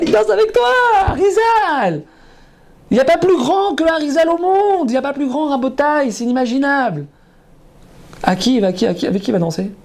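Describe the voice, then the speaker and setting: High-voiced impassioned preacher man. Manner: emphatic and repetitive, often calling out to listeners; sweeping from loud high exclamations to low murmurs. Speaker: rabbi. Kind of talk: impassioned sermon.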